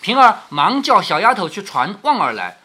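A man's voice: sits high, sing-song, moderate pace, bright, forceful tone, breathy edge. A man reading a classic novel aloud to his daughter, explaining it in a conversational way and asking her questions. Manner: conversational, asks questions of the listener.

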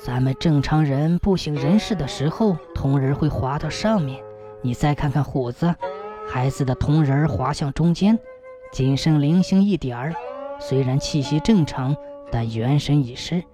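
A storyteller voicing an old village wise woman who speaks low, slow and solemn. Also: over music, lightly acted. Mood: grave. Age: over 60.

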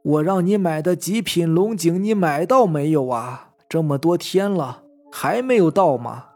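A man's voice: fairly high pitch, measured pace, a little mellow, faint music behind. A man voicing an irritable wealthy household master who talks in a commanding, impatient way.

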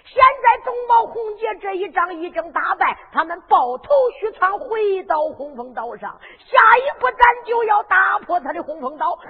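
A woman with a Henan accent voicing an old male monk in a zhuizi storytelling, who scolds tearfully and shouts in lament. The recording is tinny and echoing, with music behind. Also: extremely high pitch, heavily acted.

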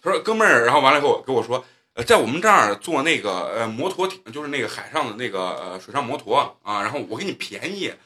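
A man's voice: medium pitch, lively intonation, fast, bright, forceful tone. Boisterous, foul-mouthed man telling stories. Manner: profane, boisterous, joking. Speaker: podcast host. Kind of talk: casual storytelling chat.

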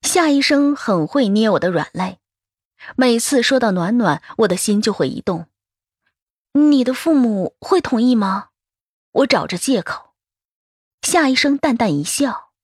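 A woman reading a first-person story aloud as an audiobook narrator, expressive in her telling. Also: on the high side, normal speed, slightly rough, no room sound, studio quality.

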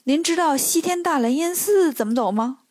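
A courteous, somewhat naive travelling monk leading his disciples in a storybook, as a woman reads him. He speaks plainly and politely in a high, dry voice. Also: expressive, normal speed, darkish tone, no room sound. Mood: earnest.

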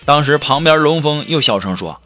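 A man telling short comic anecdotes in a lively monologue, acting out the people he quotes. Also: a little high, normal speed. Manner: animated, acts out quoted people in shifting voices. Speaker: comedic storyteller. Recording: with background music.

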